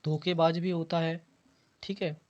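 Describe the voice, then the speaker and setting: A man's voice: fairly high pitch, level tone, a little slow, darkish tone. A man teaching an exam preparation lesson, going through quiz answers and patiently repeating key words. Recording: dull lo-fi audio.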